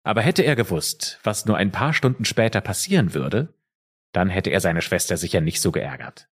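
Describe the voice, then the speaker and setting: A man's voice: sits low, animated, moderate pace, slightly rough. A man co-hosting a true crime podcast, telling the case in an easygoing storytelling way with casual asides. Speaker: podcast co-host.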